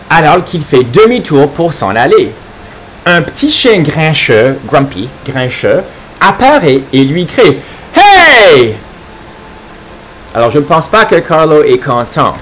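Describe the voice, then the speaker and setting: A man reads a children's storybook aloud on a live stream, in a slightly higher, very animated voice. He takes his time and breaks off often to explain words to young learners. His delivery is playful and expressive. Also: unhurried, a little hiss or hum. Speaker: French teacher for children.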